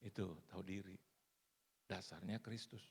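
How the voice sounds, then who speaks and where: Gravelly-voiced male preacher. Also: low voice, moderate pace. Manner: lively storytelling, acts out other people's voices. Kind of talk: sermon. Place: church service.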